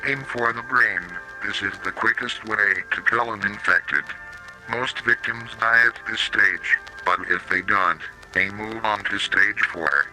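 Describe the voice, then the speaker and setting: Slow music plays behind this low-quality clip of a mechanical, computer-generated man's voice. Lowish and sharp-toned, it narrates an analog horror safety warning tape, mispronouncing words oddly.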